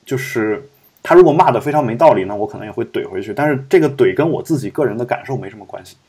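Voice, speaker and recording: A man's voice: mid-range voice, animated, fast talker, a little mellow, husky. A man hosting a podcast, talking through his views in a rambling, reflective way with many fillers and restarts. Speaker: podcast host. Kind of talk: casual podcast discussion.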